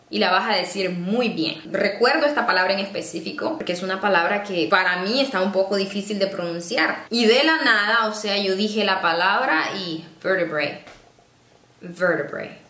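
A woman presenting a casual teaching vlog, patiently explaining and slowing down to sound out example words. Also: mid-range voice, a bit bright. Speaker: online English-learning presenter. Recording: echoey room.

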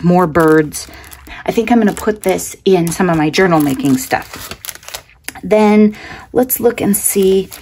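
A woman's voice: mid-range voice, darkish tone. Middle-aged woman, craft vlogger, casual enthusiastic haul chat at a tabletop, faint room noise behind. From Oregon, US. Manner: chatty and enthusiastic, exclaiming over items. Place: indoors at a table, hands-only overhead camera.

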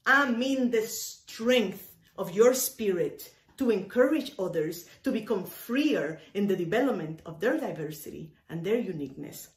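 An animated, medium-pitched woman from Cuba preaches to camera, her sermon marked by emphatic, deliberate phrasing and repetition for weight. She is a minister speaking in an indoor room with bookshelves, and the sound is roomy with echo.

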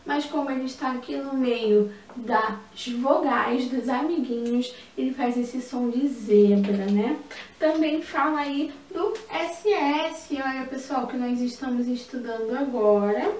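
A female primary school teacher with a high, darkish voice records an online lesson for young children. She speaks in a sing-song way, slowly stressing key words and using diminutives. The echoey room, distant mic, and faint ambient noise are audible.

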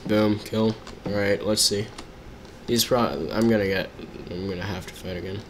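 A man's voice: fairly low pitch, fairly even intonation, normal speed, a little hiss or hum. A man casually chatting to his viewers while live-streaming a video game, reacting to the action as he plays.

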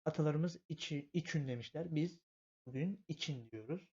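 A man's voice: fairly high pitch, moderate pace, warm tone. A man teaching a language lesson, spelling out letters patiently step by step and repeating himself often. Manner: patient, repetitive, step-by-step explanation. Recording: dull lo-fi home recording.

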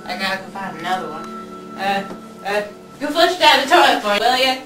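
A woman's voice: mid-range voice, animated, fairly quick, music in the background, lightly acted. A young woman playing a folksy Old West saloon keeper in an amateur Western parody. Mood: folksy, chatty. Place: basement den at home. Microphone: camcorder across the room. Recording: roomy, distant camcorder sound.

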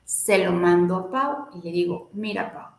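A woman, telling a personal story in a casual, animated way and acting out the voices of the people she quotes. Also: on the low side, moderate pace, gravelly, reverberant. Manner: animated, acts out quoted dialogue. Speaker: guest, student of a healing method.

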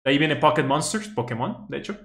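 A man's voice: a little high, fast talker, creaky. Stuttering man in a roomy space. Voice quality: stutters now and then. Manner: relaxed, thinks aloud, repeats phrases. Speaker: language teacher reviewing a study deck. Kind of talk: casual explanatory commentary. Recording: roomy echo.

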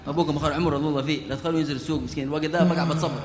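رجل يؤدي دور جار متدين يكثر الدعاء. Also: male voice, on the high side, steady tone, racing, close to an everyday voice. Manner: heaps on religious blessings. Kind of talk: stage comedy acting. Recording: echoey hall, faint noise.

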